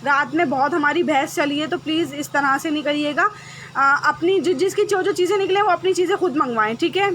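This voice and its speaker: A woman hosting a live-stream clothing sale, talking briskly and checking with viewers again and again. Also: sits high, a bit bright, slight background noise. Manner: brisk, repetitive, checks with "okay?" often. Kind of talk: live-stream sales chat. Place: home room with generator noise.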